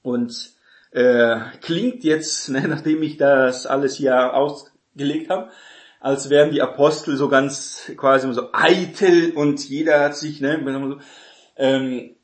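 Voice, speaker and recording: A man's voice: mid-range voice, steady tone, slow. A man preaching a Bible-teaching sermon in an explanatory way, checking in with listeners through constant tag questions and restarting his sentences. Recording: echoey room.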